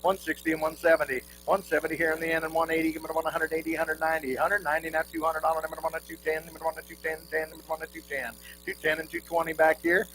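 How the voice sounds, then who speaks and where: Higher-voiced male auctioneer chanting bids, noisy recording. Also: monotone, quick pace, few pauses. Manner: repetitive rolling number patter, folksy asides to the crowd. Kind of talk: rhythmic auctioneer chant with repeated bid calls at a live quilt auction.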